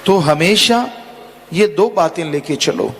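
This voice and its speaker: A man's voice: fairly high pitch, lively intonation, slow, slight background noise. A man giving a spiritual sermon, admonishing listeners with repeated exhortations. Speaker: spiritual leader. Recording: long hall reverb.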